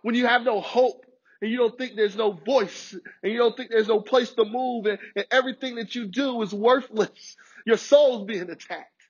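A man's voice: extremely high pitch, fairly even intonation, moderate pace, breathy edge, lo-fi sound. A man preaching a sermon with passion, often repeating and restarting his words. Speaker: pastor.

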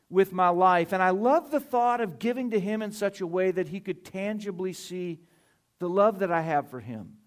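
A middle-aged man preaching a sermon, earnest and animated, telling stories with asides and restarts. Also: sits high. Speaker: pastor.

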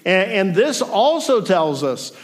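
A man's voice: sits high, very animated, slow pace. A man in his forties preaching a sermon to a congregation in a room, reflective and thoughtful, with dry self-deprecating humor. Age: 40s. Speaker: pastor.

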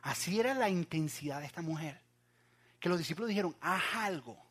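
A young man preaching a sermon, swinging from loud acted cries to hushed asides and talking straight to his listeners. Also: a little high, animated, quick pace. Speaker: pastor.

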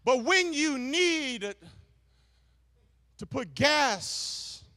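A male preacher delivering a sermon to his congregation, emphatic and repetitive, calling out to the audience and breaking into shouts. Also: very high voice, expressive, drawn-out words. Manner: emphatic, repeats phrases, bursts into shouts; talks directly to the audience.

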